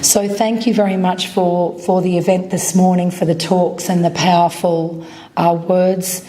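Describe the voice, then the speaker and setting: A woman with a voice raspy from a cold, giving a formal speech as a guest academic. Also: fairly low pitch, level tone, a little slow, mellow. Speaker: professor and research centre director, guest speaker. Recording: noisy live event room.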